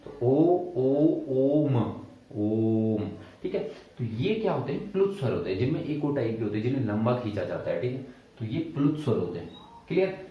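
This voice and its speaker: A man's voice: sing-song, quick pace. A man teaching a Hindi grammar lesson at a board, explaining step by step, asking the class questions and answering them himself, and stretching out vowel sounds to demonstrate them. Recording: boomy room echo, distant and dull.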